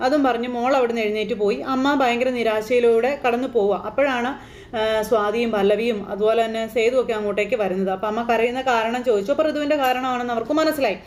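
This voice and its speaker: A woman's voice: on the high side, quick pace, a little mellow, slight background noise. A woman casually retelling the plot of a TV serial episode, quoting the characters as she goes. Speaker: serial recap narrator.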